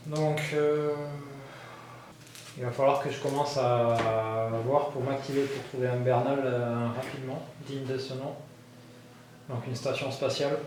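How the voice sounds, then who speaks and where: A man narrating his solo board game playthrough, thinking aloud with many fillers and bursts of excitement at dice rolls. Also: mid-range voice, measured pace. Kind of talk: casual thinking-aloud gameplay commentary. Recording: very echoey room with faint background noise.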